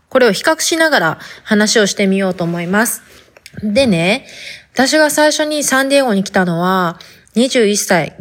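A woman's voice: mid-range voice, fairly bright tone. Chatty woman in Hakata dialect. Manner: chatty, informal, storytelling. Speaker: podcast host. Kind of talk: casual podcast monologue.

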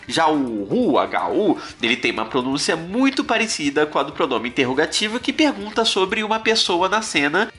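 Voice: medium pitch, sharp tone. A podcast host from Brazil, explaining a science topic in a chatty, conversational way with rhetorical questions.

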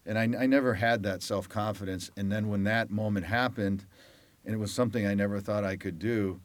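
A man with a fairly low voice recounts his playing days as an interview guest. He tells it with energy, acting out the coach, the crowd and the rival in his own voice. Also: brisk, no room sound. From Detroit, Michigan. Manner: animated storyteller who acts out quoted voices. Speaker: guest, former lacrosse player. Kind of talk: conversational storytelling.

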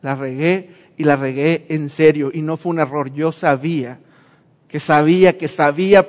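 A man's voice: sits high, long reverb tail, close to an everyday voice. A man acting out a wayward young son who pleads with his father.

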